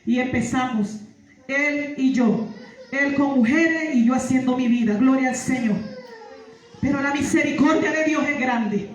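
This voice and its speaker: A woman gives a church testimony, her voice ringing through a very reverberant hall. She stands well back from the microphone, so the sound is distant. She keeps repeating her phrases and calling out praise, building into fervent shouts. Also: high-pitched, a little slow, slight background noise. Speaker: testimony giver. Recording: echoey hall, far from mic.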